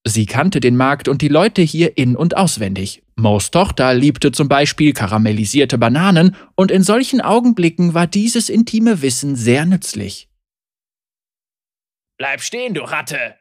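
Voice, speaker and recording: An audiobook narrator reading a fantasy story with expressive, scripted storybook narration. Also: mid-range voice, normal speed, few pauses, dry recording, clean studio sound.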